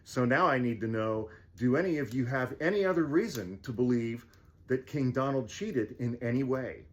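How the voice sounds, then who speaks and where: A man's voice: medium pitch, animated, normal speed, highs cut off, natural voice. A man voicing an earnest, self-important wizard investigator in a theatrical, declaiming way, as part of fireside storytelling. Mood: earnest, insistent.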